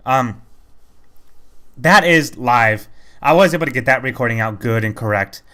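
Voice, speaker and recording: A man's voice: mid-range voice, moderate pace, bright, forceful tone. A man giving casual, rambling commentary over a video game playthrough, chatty and self-critical. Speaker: let's play commentator.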